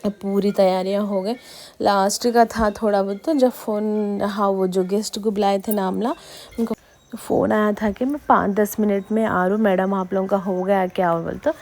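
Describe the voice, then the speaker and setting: A woman's voice: mid-range voice, normal speed, faint music behind. A woman with a Hyderabadi accent, a preschool teacher casually telling a story in her vlog, with lots of quoted dialogue. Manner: chatty, animated retelling with quoted dialogue. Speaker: anganwadi teacher and vlogger.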